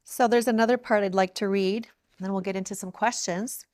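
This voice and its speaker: Woman interviewer, medium voice, warm affirmations, reads excerpts aloud. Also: mid-range voice, fairly even intonation, a little fast. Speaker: podcast host, head of school. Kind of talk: interview podcast.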